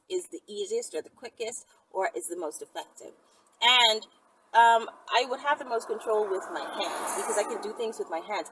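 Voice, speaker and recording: This woman has a mid-range, fairly bright voice, with no echo. She hosts a casual Q&A, chatting frankly, emphatically and conversationally. The recording comes from a distant mic with clear background noise.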